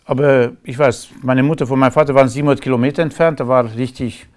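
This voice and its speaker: A man's voice: mid-range voice, fairly even intonation, fast, darkish tone. Emphatic man with a Romanian accent. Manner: rambling, emphatic, laughs between remarks. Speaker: interview guest. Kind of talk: casual conversational interview.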